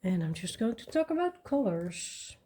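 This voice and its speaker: A woman chatting casually while she colors, soft-spoken and rambling with fillers and restarts. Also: mid-range voice, very animated, normal speed, breathy edge. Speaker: coloring channel host.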